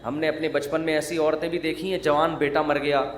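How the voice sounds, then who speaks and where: High-voiced preacher man, joking sermon. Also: flat delivery, a little hiss or hum. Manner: jokey, teasing, conversational preaching. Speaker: Islamic preacher. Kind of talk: humorous sermon. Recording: roomy echo.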